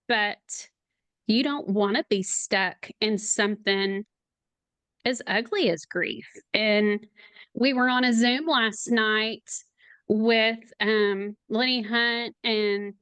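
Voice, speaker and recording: A middle-aged woman, a podcast guest, speaking in a slow, halting, emotional way, near tears at times. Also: on the high side, fairly bright tone, clean tone, dry recording. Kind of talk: podcast interview.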